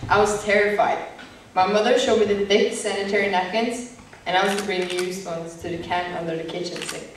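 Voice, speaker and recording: A young woman performing a stage monologue in a measured, plain way. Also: mid-range voice, little pitch movement, lightly acted. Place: stage in a hall. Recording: echoey hall from far off, some noise.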